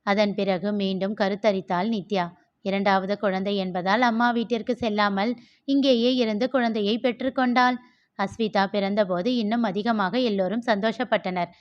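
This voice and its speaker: A woman narrator reading a novel aloud with steady, expressive storytelling. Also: medium pitch. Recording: dull lo-fi.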